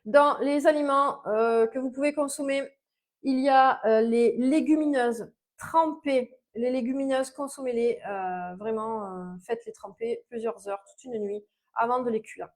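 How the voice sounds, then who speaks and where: A woman's voice: fairly high pitch, fairly even intonation, unhurried. Chatty naturopath woman with Mediterranean lilt. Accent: Mediterranean French. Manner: chatty, many fillers and restarts, stresses points with "ok?". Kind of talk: informal health advice video.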